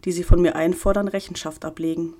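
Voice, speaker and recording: A woman voicing a composed, stern older gentleman who speaks in a calm, measured way. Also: fairly low pitch, lightly acted.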